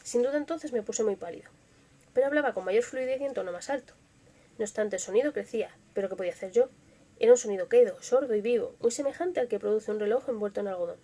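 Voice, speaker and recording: A young woman with a Spanish accent from Spain reads tales aloud on her live stream. Her voice sits a little high and she tells the stories softly and with feeling, sometimes dropping to a whisper. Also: quick pace. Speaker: ASMR channel host reading stories on a live stream. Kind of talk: dramatic story reading with casual chat.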